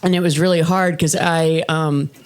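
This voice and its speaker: A woman in her thirties performing live stand-up, her voice low for a woman. She delivers her set deadpan and self-deprecating, in a steady, unhurried tone. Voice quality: low, husky-toned voice for a woman. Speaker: stand-up comedian. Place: comedy festival stage.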